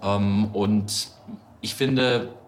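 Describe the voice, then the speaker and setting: A man with a lowish voice answers interview questions in a measured, explanatory way. His audio comes through a degraded, low-quality stream. The sound is roomy and echoing. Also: fairly even intonation, a little hiss or hum. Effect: low-quality remote audio. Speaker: podcast guest, communications head.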